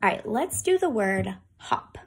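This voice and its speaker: A woman teaching a phonics lesson to kindergarten children, with slow, sing-song teacher talk and drawn-out sounds. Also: medium pitch, sing-song, husky.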